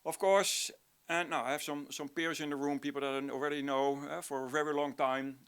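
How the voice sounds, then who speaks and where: Speaking to a conference-room audience, a middle-aged man from the Netherlands with a native Dutch accent presents informally as a university lecturer, often starting over while searching for words. His voice is on the high side, a little fast and fairly even in intonation, with a slightly bright, clear, resonant tone.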